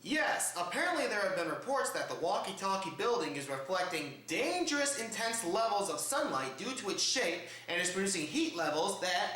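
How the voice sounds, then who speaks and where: Delivering comedic news commentary straight to camera, a showman host hams it up with exaggerated, theatrical flair. He sounds high, pushed and bright, and the home recording is echo-heavy and roomy.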